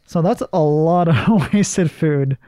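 A man's voice: on the high side, slow pace, mellow, no room sound. A man co-hosting a talk show, explaining things in casual conversation.

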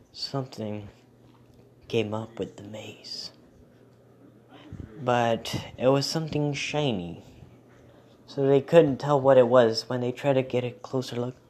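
A man telling an improvised horror story in a halting way, with frequent restarts and occasional hushed whispers. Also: mid-range voice, a little hiss or hum.

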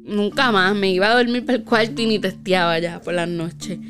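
A woman's voice: mid-range voice, fairly quick, a bit bright, faint music behind. A woman casually telling a spooky personal story, with lots of fillers and tag questions.

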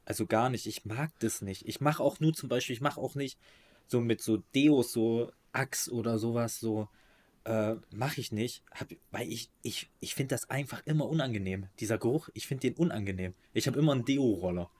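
A man co-hosting a podcast rants emphatically in casual chat, using slangy language and frequently restarting his sentences. His mid-range voice is a little mellow and moves at a normal speed.

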